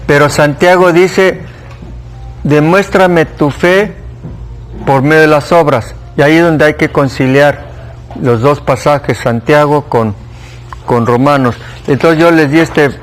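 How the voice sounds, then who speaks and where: A man's voice: on the high side, slight background noise. A man with a Mexican Spanish accent teaching a church Bible class, conversational, questioning the class and repeating key points.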